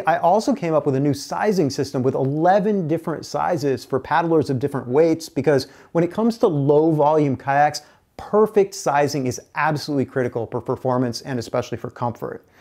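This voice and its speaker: Middle-aged guy doing a scripted update to camera, earnest, kinda high-ish voice, workshop. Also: a little mellow. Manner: earnest, gestures with both hands while explaining. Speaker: kayak builder and channel host. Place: indoor workshop with a canoe and curtain.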